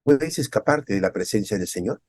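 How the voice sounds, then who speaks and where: A man's voice: fairly low pitch, moderate pace, no echo, studio quality. A male pastor with a Peruvian Spanish accent preaching a devotional sermon. He keeps asking the listeners rhetorical questions and acts out quoted people in a raised voice. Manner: animated, often acts out quoted speakers in a raised voice.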